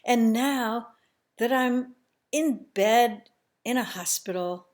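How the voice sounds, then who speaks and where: A woman telling a family story in the first person, slow and emotional, sometimes dropping to a hushed near-whisper. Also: a little high.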